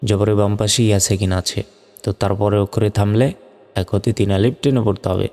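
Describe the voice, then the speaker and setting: Man slowly drilling Quran letter sounds. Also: fairly low pitch, fairly even intonation, warm tone, big-room sound. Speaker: Quran reading teacher. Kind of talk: spelling-out recitation lesson.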